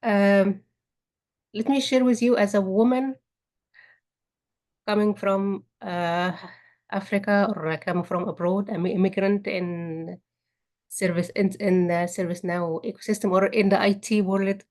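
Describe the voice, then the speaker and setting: An Egyptian woman speaks at a meetup, sharing a personal story about her career. Her mid-range voice is steady and unhurried, and she often restarts and repeats words, adding warm, laughing asides.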